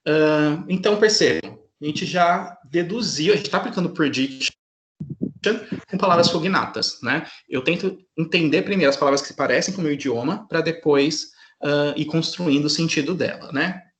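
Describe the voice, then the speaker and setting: A man's voice: a little high, normal speed, roomy sound, slight background noise. A man teaching an English class online in a patient way, often checking in with his students.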